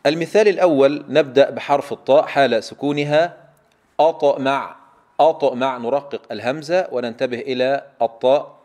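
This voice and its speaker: A man teaches recitation in a steady mid-pitched voice. He sounds out consonants with careful emphasis and often pauses so learners can repeat. His delivery is patient and instructional. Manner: slow, emphatic drilling of sounds, asks students to repeat. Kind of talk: tajweed lesson.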